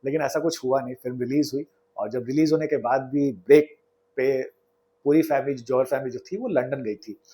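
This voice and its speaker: A storyteller host with a mid-range voice and dark tone speaks at a moderate pace. He chats conversationally through behind-the-scenes film stories, retelling anecdotes with quoted dialogue and the occasional hesitation.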